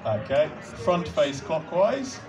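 Pitched on the high side and swinging widely in tone, a young man's voice gives step-by-step cube-solving instructions from an outdoor stage at night. He holds a handheld mic and stays patient and polite, pacing himself slowly with soft laughter. The recording is distant, with crowd noise and music.

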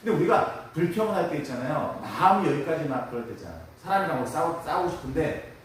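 Animated preacher in an echoey hall. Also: male voice, fairly high pitch, fast talker. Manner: animated, acts out prayers and complaints in quoted voices. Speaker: pastor. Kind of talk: dawn service sermon. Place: church sanctuary. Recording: echoey hall, distant mic, faint hiss.

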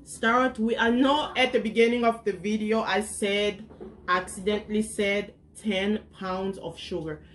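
Chatty woman in her thirties, home cooking demo in a kitchen, instructive, mid pitch. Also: steady tone, measured pace, slight background noise. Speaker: cooking vlogger and mother. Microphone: camera on the counter.

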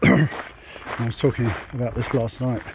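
On a dirt track in the countryside, a man walks a lengthy pilgrimage route and vlogs, musing out loud about his plans in a loose, wandering way. His medium-pitched voice keeps a steady tone at a measured pace. The walking recording is noisy, picking up rural outdoor sounds.

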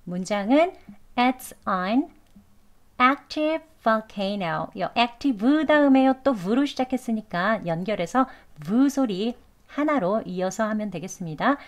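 A woman teaching English pronunciation in Korean, with slow, drawn-out demonstration words between brief explanations. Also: fairly high pitch, expressive. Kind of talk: pronunciation lesson.

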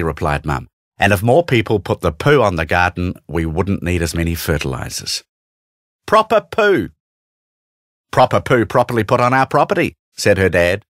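A man's voice: on the low side, dry recording, studio quality. A man with a New Zealand accent narrating a children's storybook, putting on character voices. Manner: animated, doing character voices.

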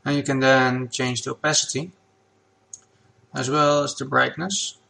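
Speaking a little slowly with a creaky, medium-pitched voice, this man guides viewers through a software tutorial from his computer. Dutch is his first language, and he works as a game asset creator, keeping his step-by-step delivery relaxed and plain.

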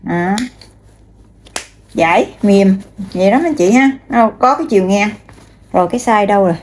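A woman's voice: medium pitch, moderate pace, a little mellow, a little hiss or hum. A woman, showing bags one by one and chatting straight to her viewers, with many fillers. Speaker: online seller. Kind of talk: casual product showcase.

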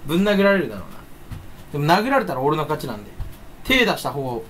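Man, stuffy nose, solo channel chatter, playful and jumpy, lively pitch swings. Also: a little fast, a little hiss or hum. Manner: playful, rambling, breaks into silly voices. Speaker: YouTuber. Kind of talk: casual solo chat.

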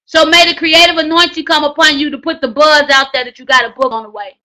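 A woman teaching a writing class, coaching loudly and repetitively in slangy, preacher-like exhortation. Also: high voice, steady tone, fast, low-quality recording. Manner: loud, hollering, preacher-like exhortation. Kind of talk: live online class on book promotion.

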